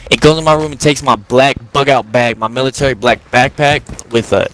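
A man's voice: medium pitch, brisk, very noisy. A man in his twenties chatting casually while gaming, telling long rambling stories in heavy slang. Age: 20s. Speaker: gamer. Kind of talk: casual chat while playing. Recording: game sounds and gunfire behind the mic. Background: gunfire from the game.

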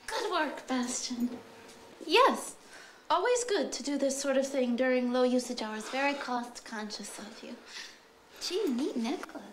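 A woman's voice: high voice, lively intonation, measured pace. An actress playing a mild, approving middle-aged suburban mother in a family film. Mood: mild approval. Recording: roomy, noisy kitchen.

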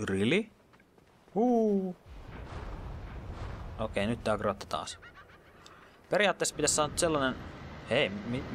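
A man's voice: medium pitch, fairly bright tone, a little hiss or hum. A man giving casual let's play commentary, chatty and muttering, sometimes dropping to a whisper in tense moments and mixing in English gaming slang.

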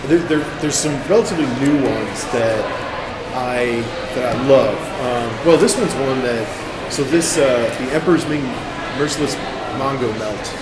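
A man's voice: mid-range voice, moderate pace, heavy background noise. A man in his forties, a guest artist, talking about his work in a rambling, hesitant way full of fillers, recorded in a restaurant. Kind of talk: casual conversation. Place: restaurant dining room with brick walls. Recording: echoey room with loud music behind.

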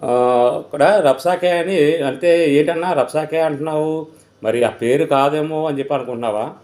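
A man's voice: a little high, moderate pace, darkish tone. Sneering man hosting a live stream. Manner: abusive, sneering, full of insults. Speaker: host of a live online debate. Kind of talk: mocking live-stream commentary.

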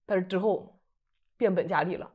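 A woman, telling her testimony in a lively, chatty way. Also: fairly low pitch, moderate pace, breathy edge. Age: 30s. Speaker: guest sharing a testimony. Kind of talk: casual testimony storytelling.

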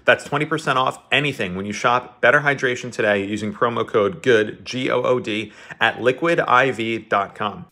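A podcast host reads a sponsor spot with real enthusiasm. His voice is bright and forceful, and he pushes each line with energy. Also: moderate pace, few pauses. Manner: upbeat, enthusiastic sponsor pitch. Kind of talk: ad read.

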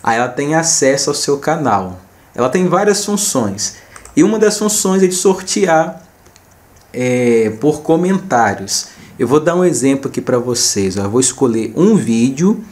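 A man's voice: medium pitch, big pitch swings, unhurried, darkish tone. A man with a Brazilian accent, casually narrating a screen recording as a channel host and addressing viewers informally, often repeating himself. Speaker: host of a small gaming video channel.

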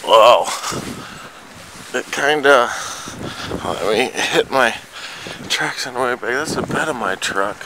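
A man's voice: medium pitch, takes it slowly, pauses often, pushed and bright. Breathless man trudging through snow. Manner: exclaiming, muttering to himself while trudging. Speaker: vlogger. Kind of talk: casual outdoor vlog. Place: outdoors in deep snow. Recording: noisy outdoor camera audio.

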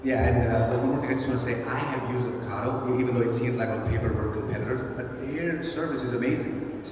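A man's voice: mid-range voice, fairly even intonation, fast talker, crowd noise. A man on a conference panel, talking enthusiastically and rambling with many fillers. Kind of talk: casual panel talk. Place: large conference hall. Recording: echoey hall recorded from far off.

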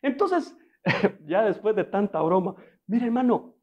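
A man's voice: sits high, very animated, unhurried, highs cut off. A male pastor preaching a sermon in a conversational, storytelling way, often asking his listeners rhetorical questions and adding humor.

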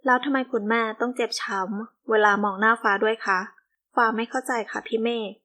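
A woman's voice: fairly high pitch, steady tone, fairly quick, bright, forceful tone. A woman doing a sweet, pleading young woman. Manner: pleading, tearful, polite.

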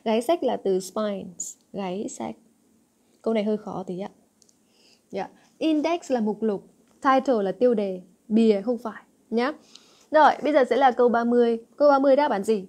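A woman's voice: a little high, moderate pace, darkish tone. A young woman teaching an English exam-answer lesson, coaxing her students with frequent check questions. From Vietnam.

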